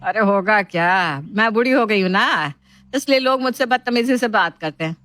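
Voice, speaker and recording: A woman voicing an older mother-in-law in an animated family story, slow and grumbling. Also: mid-range voice, no echo, close to an everyday voice.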